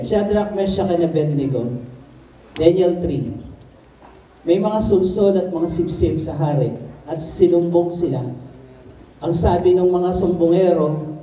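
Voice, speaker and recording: A man's voice: a little high, slight background noise. A man with a Filipino accent preaching a sermon, switching between Tagalog and English, reading scripture and acting out its scenes. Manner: switches between Tagalog and English, reads Bible verses then explains them; acts out scenes, shouting some lines and dropping to a whisper on others. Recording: echoey room, far from the mic.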